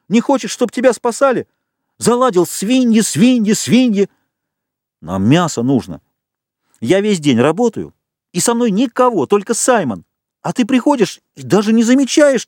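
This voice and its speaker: A man voicing Ralph, a frustrated, indignant boy leader in an audiobook, shouting his complaints. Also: medium pitch, big pitch swings, moderate pace, hardly any pauses, no room sound, studio quality.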